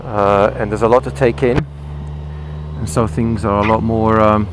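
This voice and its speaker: A British man talks through a microphone inside his motorcycle helmet, casually explaining things for a vlog as he rides. His voice is lowish, fairly even in intonation and at a normal speed, with engine, wind and traffic noise clearly audible.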